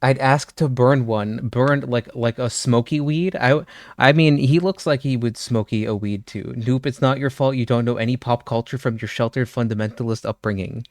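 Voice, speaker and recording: A man's voice: mid-range voice, normal speed, darkish tone, no echo. A man live-streaming, riffing jokes and swearing while he talks to his chat. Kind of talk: casual reaction chat.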